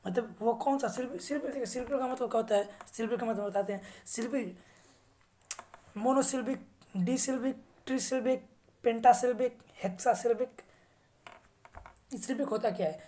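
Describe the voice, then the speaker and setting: A woman teaching English vocabulary who reads English sentences slowly with an Indian accent and then explains them in Hindi. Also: on the high side, dark tone. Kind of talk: slow English vocabulary lesson.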